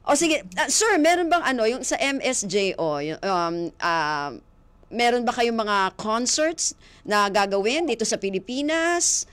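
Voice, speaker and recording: A woman's voice: fairly high pitch, lively intonation, a little slow, fairly bright tone, smooth. Chatty playful woman radio host. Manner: chatty and playful, laughs often. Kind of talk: casual radio interview chat.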